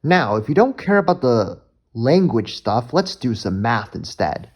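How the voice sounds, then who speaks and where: A man vlogging about learning languages, explaining words in a tentative, thinking-aloud way and slowing down to sound out foreign terms. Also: medium pitch, big pitch swings. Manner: musing and tentative, many ums and hedges.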